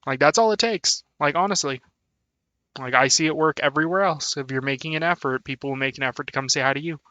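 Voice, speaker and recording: A man's voice: a little high, fast, pushed and bright, no echo. A young man chatting casually on a live stream, laughing often and thanking his viewers. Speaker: VTuber streamer.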